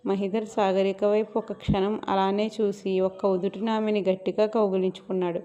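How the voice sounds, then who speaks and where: A woman from the Telugu-speaking south of India, narrating a serialized family story in a gentle, steady reading voice. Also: mid-range voice, moderate pace, muffled recording.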